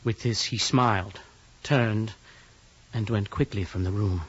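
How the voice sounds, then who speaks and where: A man's voice: on the low side, steady tone, measured pace, husky. A young man voicing a nervous young male clerk held prisoner, who narrates a radio drama in an earnest, increasingly fearful way. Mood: grave. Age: young adult. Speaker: narrator and lead character. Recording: dull lo-fi audio with music behind.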